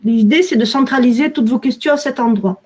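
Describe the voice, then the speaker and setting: Webinar host, woman, southern French accent, high voice, measured delivery with fillers. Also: darkish tone. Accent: southern French, Midi-Pyrénées. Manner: measured, with frequent "alors" and "euh". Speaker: webinar moderator, communications officer. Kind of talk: webinar introduction.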